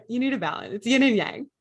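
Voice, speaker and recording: A woman's voice: on the high side, gravelly. Enthusiastic woman hosting an interview. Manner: enthusiastic, laughs often. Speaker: podcast host. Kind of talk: casual interview chat.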